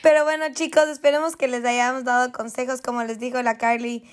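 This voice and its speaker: A woman's voice: high-pitched, flat delivery, fairly quick. A young woman co-hosting a podcast in casual chat, chatty and dropping English slang into her talk. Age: young adult. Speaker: podcast co-host.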